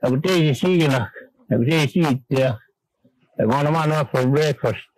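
An older man from Manitoba, Canada, a guest on a radio interview, recalling old times in a rambling, halting way with many restarts. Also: on the high side, darkish tone, dry recording, poor audio.

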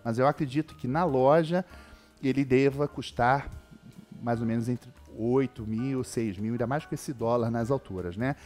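A male guitar teacher with a Brazilian Portuguese accent talks through a relaxed video lesson, keeping an even pitch. He explains things in a friendly, chatty way and checks in with his viewers after almost every point. Faint instrument music plays behind him. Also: normal speed.

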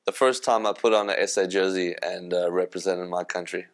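Smooth low South African man. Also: fairly even intonation, fairly quick. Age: 30s. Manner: filler-heavy, hesitant. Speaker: ice hockey player. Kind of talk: interview answers.

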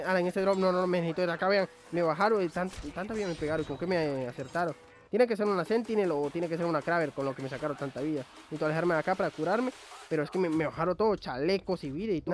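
A young man giving excitable, chatty live commentary on his own gameplay. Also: high voice. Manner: excitable, chatty, swears lightly while playing. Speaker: gaming YouTuber.

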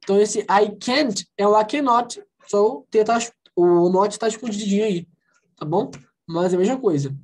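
Lively Brazilian teacher drilling a class. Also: female voice, mid-range voice, husky. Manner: lively, coaxing, asks the class questions and drills phrases slowly. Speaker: English teacher. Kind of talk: online class explanation. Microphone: video call.

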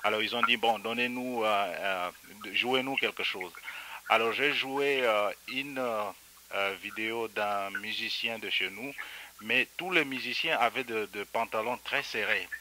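A Congolese man hosting a radio interview, talking haltingly with many filler sounds and restarts. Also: fairly low pitch, bright, forceful tone, slight background noise. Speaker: radio host and teacher.

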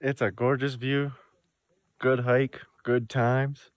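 A man talking casually to camera in a hiking vlog outdoors on a mountain trail, relaxed and a little wry. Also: mid-range voice, slow, soft background music. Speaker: vlogger.

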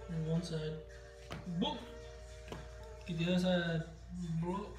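Joking and easygoing, a young adult man whose voice sits high records a casual vlog indoors in a small apartment room. He gives stretching instructions while fixing himself a sandwich.

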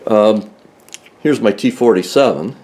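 Speaking a little slowly in a fairly low, somewhat mellow voice, this older car restoration host walks through a tool hands-on. His talk is plain and methodical, with frequent restarts mid-sentence, and it was captured inside a car in a garage.

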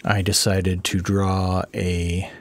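A worn-out, low-energy man narrates his drawing for his art channel, rambling softly in a casual voice-over as if under the weather. His deep, raspy voice stays level and slow, and the recording has no room sound.

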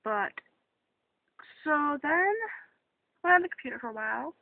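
High-voiced woman rambling in a tinny recording. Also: lively intonation, normal speed, creaky, a little hiss or hum. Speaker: vlogger. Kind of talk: rambling casual vlog. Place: parked car.

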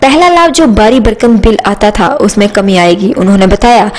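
A woman reading a scripted news report as a voice-over, steady and even. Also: mid-range voice, normal speed, poor audio.

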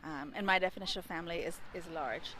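Her voice sits on the low side, quick and sharp-toned, as this thirtysomething woman, Indian-born and Dubai-raised, fields interview questions. Standing outside by a building wall with a handheld mic held close, she pauses thoughtfully to find her words.

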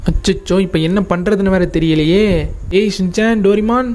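A man's voice: high-pitched, moderate pace, a little mellow, close to an everyday voice. A man playing an easygoing game hero and narrating a gameplay video, speaking plainly and giving instructions to his friends and viewers.

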